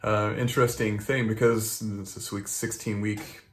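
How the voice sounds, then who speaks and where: An American man talking casually to viewers as a running vlogger, halting and rambling as he goes. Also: on the low side, flat delivery. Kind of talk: casual vlog talk to viewers.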